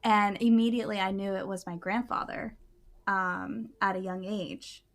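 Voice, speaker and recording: A woman co-hosting a podcast, recounting something that happened to her. She talks casually and earnestly at a middle pitch, with lots of "like" and "um" and frequent restarts. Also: normal speed. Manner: earnest, animated, many fillers and restarts. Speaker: podcast co-host. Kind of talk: casual storytelling.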